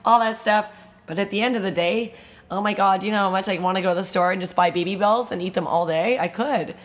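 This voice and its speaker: A woman co-hosts a casual podcast in a relaxed, chatty way. Her voice sits in a middle pitch, and she laughs often and swears now and then. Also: fast talker. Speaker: podcast co-host. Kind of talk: casual chat.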